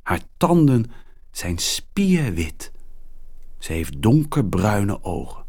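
A man narrating a children's story at a very slow, careful pace. His voice sits somewhat low. It rises and falls expressively from line to line. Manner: very slow, clearly articulated, expressive.

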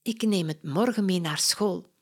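Brief: woman doing a little crafty girl for a storybook, soft and high. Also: measured pace, breathy edge. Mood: eager. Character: small crafty girl, dreamy and eager.

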